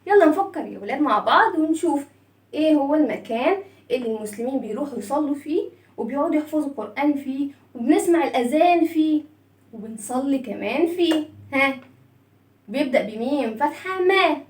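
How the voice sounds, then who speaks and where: High-voiced Egyptian woman teaching children. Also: lively intonation, roomy sound, far from the mic. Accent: Egyptian Arabic. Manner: drawn-out sounds, praises children often. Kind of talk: lively lesson for young children.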